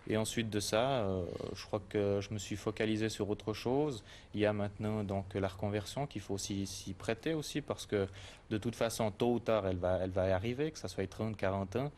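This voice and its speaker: A retired boxer speaking hesitantly and haltingly as a guest on a TV talk show. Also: male voice, on the low side, a little mellow, slight background noise.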